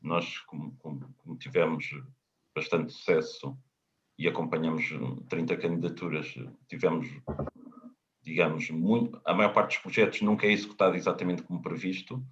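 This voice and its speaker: A man with a European Portuguese accent, a consultant answering webinar questions in a halting, explanatory way, often repeating words. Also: low voice, steady tone, a bit bright. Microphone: video call. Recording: dull lo-fi webinar audio.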